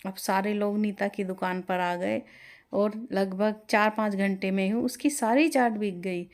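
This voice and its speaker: A woman's voice: mid-range voice, measured pace, darkish tone. Woman narrating a bedtime story.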